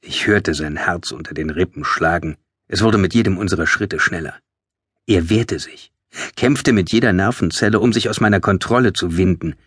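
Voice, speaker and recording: Male narrator, low husky voice, dry close studio sound, tense measured delivery. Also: fairly bright tone, no room sound. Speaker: audiobook narrator. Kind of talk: scripted first-person audiobook narration. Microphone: close studio mic.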